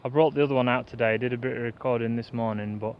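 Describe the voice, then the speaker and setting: A man chatting fast and rambling to the camera in a pine woodland, like a bushcraft vlogger. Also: medium pitch, steady tone, slight background noise. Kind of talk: casual rambling chat to camera. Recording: dull lo-fi outdoor recording, faint woodland ambience.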